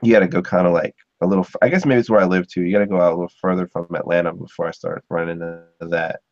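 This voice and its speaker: Rambling man, low voice, muffled audio. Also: steady tone, very fast, a little mellow, dry recording. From Ohio. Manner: rambling, filler-heavy, chuckling. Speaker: podcast host. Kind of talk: casual chat. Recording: dull muffled sound.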